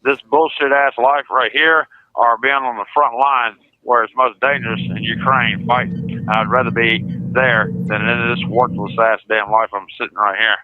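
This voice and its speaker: Man, prison phone call, tinny narrow phone sound, mid-pitched voice, bitter and profane, slow emphatic delivery. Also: fairly even intonation, noisy background. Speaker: inmate calling the show.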